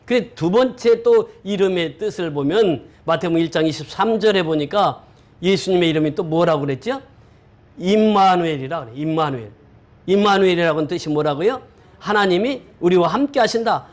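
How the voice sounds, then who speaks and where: A man's voice: high voice, expressive, fairly quick. A male pastor preaching a sermon, often quizzing the congregation with questions.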